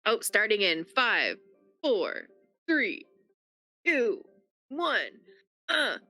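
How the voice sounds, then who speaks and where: A woman's voice: medium pitch, wildly swooping pitch, drawn-out words, pushed and bright, faint music behind. A woman chatting casually in a cheerful way. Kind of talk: casual chat.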